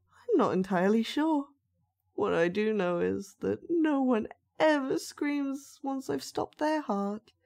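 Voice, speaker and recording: Voicing a soft-spoken, sinister dollmaker who wields magic, this woman coaxes the listener with condescending gentleness in a roleplay monologue. Her slightly high voice carries vocal fry and heavy acting, with a calmly menacing mood.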